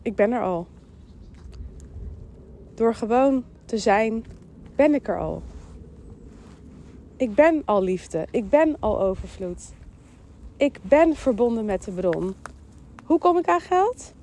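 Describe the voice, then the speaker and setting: A woman with a Dutch accent hosting a podcast, giving a calm, emphatic mindfulness talk that repeats phrases and voices the thoughts in her head. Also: mid-range voice, slow, pauses often, slight background noise. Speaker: podcast host. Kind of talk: mindfulness monologue.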